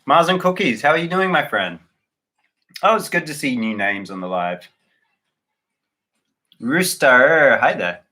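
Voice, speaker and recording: An Australian man talks loosely through a live stream, greeting viewers and answering their comments. His voice is bright and forward. He rambles a little, with fillers and restarts. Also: mid-range voice, expressive, measured pace, pauses often. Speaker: livestream host.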